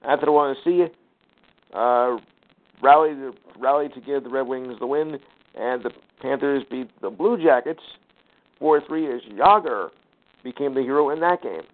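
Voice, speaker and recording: Heard through tinny phone-call audio, this sports talk host reads out scores and standings in a mid-range voice. Numbers tumble out between fillers, sighs and quick asides.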